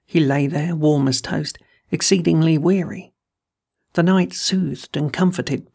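Gravelly, husky storyteller. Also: mid-range voice, darkish tone. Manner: measured, deliberate storytelling. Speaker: host and reader of a horror story. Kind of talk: scripted narration of a classic ghost story.

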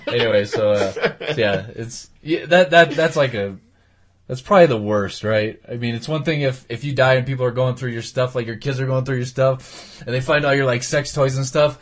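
A man's voice: mid-range voice, normal speed. A man hosting a casual comedy podcast, rambling and laughing as he talks. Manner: rambling, laughs often, acts out voices in stories. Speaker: podcast host.

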